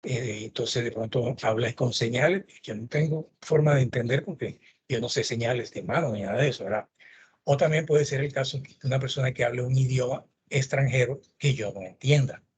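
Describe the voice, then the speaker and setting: A man's voice: mid-range voice, a little fast, darkish tone. A middle-aged man gives a lecture, telling anecdotes and acting out the dialogue. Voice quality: very husky. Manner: storytelling, acting out quoted dialogue. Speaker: lecturer in forensic medicine.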